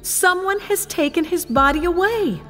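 A woman voicing a grieving young woman who cries out in high, urgent, sobbing tones. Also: normal speed, fairly bright tone, faint music behind. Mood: distraught. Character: grieving young woman, tearful then overjoyed.

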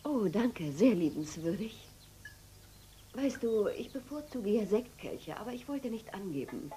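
A woman's voice: medium pitch, sing-song, a little slow, mellow, a little hiss or hum. An actress dubbing a scheming, sarcastic woman with expensive tastes in a soap opera. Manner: coy, mocking. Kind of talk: German-dubbed soap opera acting.

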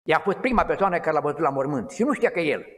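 Man, middle-aged, high pitch, informal rambling sermon, long hall reverb. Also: expressive, a bit bright. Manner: conversational and digressive, with halting restarts. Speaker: lay preacher.

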